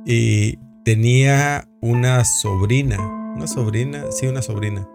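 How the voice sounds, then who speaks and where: A man with a Mexican accent telling a relaxed, slangy anecdote among friends. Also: medium pitch, measured pace, gravelly. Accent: Mexican Spanish. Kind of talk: casual chat. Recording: music playing behind.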